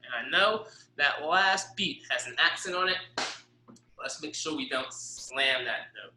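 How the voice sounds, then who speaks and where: A man's voice: fairly high pitch, animated, a little slow. A man teaching a drum lesson, explaining the rudiments and counting and singing the rhythms aloud. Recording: echoey room with loud noise. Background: metronome clicks.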